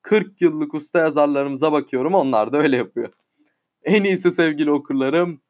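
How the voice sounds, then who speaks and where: A man's voice: medium pitch, darkish tone. A man reading a humorous satirical story aloud, in a dry, wry manner, on a muffled lo-fi recording.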